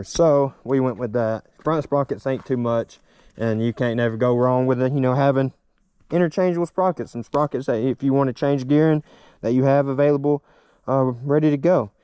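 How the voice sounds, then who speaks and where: A motovlogger rides a small dirt bike and chats casually in a smooth, dark, mid-range voice, rambling in an upbeat way. His speech is muffled by his helmet and captured by a chest-mounted action camera in a dry recording.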